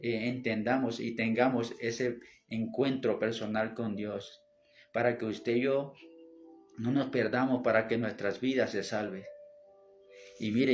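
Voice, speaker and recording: A man preaching a fervent sermon, addressing listeners as brother and quoting scripture. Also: medium pitch. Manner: fervent, repeats "mi hermano", quotes scripture. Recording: music playing behind.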